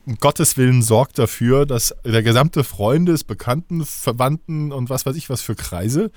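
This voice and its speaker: A man's voice: mid-range voice, a little slow, a little mellow, dry recording, studio quality. A man co-hosting a podcast, telling rambling, joking stories in casual banter. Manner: joking storyteller, playful and rambling. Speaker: podcast co-host.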